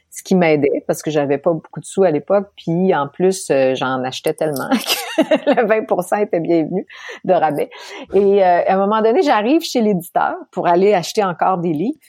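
Québécoise lady chatting on a podcast, lowish voice, laughs a lot, dry close sound. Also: no room sound. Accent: Québécois French. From Quebec, Canada. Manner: animated, laughs often, frequent restarts. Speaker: interview guest. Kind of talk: candid storytelling in conversation.

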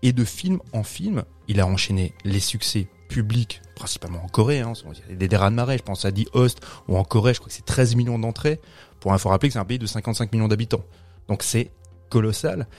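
Fast-talking low-voiced man discussing film. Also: animated, darkish tone, faint music behind. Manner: enthusiastic, talkative, self-correcting. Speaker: podcast co-host.

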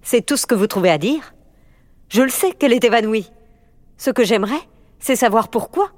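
A woman voicing an energetic school headmistress, firm and commanding yet gentle with a child. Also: a little high, normal speed, dry recording, pitched above the performer's own voice, natural voice. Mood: indignant.

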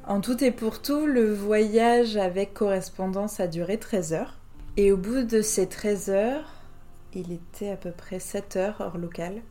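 A woman's voice: medium pitch, a little slow, dark tone, faint music behind. A woman from France, host of a podcast, telling a personal travel story in a reflective, hesitant way with frequent fillers.

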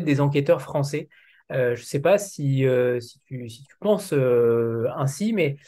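Higher-voiced man asking hesitant questions. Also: darkish tone. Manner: hesitant, searching for words. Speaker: host, interviewer. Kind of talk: conversational interview questions.

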